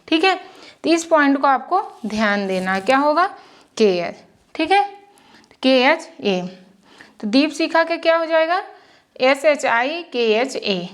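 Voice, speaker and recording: A woman's voice: high-pitched, fairly bright tone. A woman teaching how to spell names, patiently sounding out syllables and checking in with the listener. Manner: patient, repeats and checks with "ठीक है". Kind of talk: slow spoken lesson.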